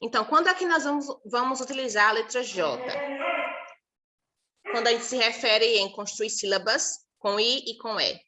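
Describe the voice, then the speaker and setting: A woman's voice: fairly high pitch, normal speed, pushed and bright. A Brazilian Portuguese woman teacher giving a recorded class, explaining patiently and repeating syllables and example words one by one.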